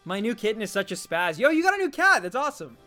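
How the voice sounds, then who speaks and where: Man, streamer, casual chat, fairly high voice, lively pitch. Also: fast, faint music behind. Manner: animated, chatty, reads chat aloud.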